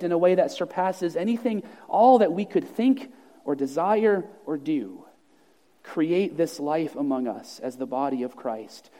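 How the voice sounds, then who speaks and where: A man preaches an earnest, emphatic sermon and closing prayer, using repeated phrases to hammer home each point. His voice is fairly high yet mellow and soft-edged, and a large church hall leaves long reverb trailing after his words.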